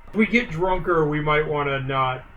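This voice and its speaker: A man's voice: a little high, moderate pace, fairly bright tone. Male co-host, joking asides, dull lo-fi sound with faint hiss. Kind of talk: casual chat.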